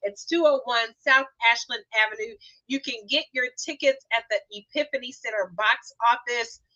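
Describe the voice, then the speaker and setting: A woman hosts a live talk stream in an upbeat, promotional way. Her voice is bright and a little high. The sound is dry and somewhat lo-fi, like a video call. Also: moderate pace, no room sound. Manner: upbeat, promotional, warm thanks to guests. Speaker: host and founder of the show. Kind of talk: livestream talk show hosting.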